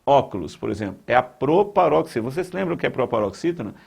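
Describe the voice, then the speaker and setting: A man's voice: medium pitch, big pitch swings, fast talker, gravelly, darkish tone, husky. A man with a Brazilian Portuguese accent teaching grammar for an exam, repeating key points with emphasis and talking straight to the viewer. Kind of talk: exam-prep lesson.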